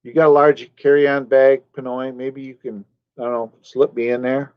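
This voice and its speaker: A man's voice: medium pitch, flat delivery, moderate pace, smooth, dry recording. Man, live streamer, casual rambling chat, dry dull lo-fi sound. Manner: rambling, talks to chat viewers by name.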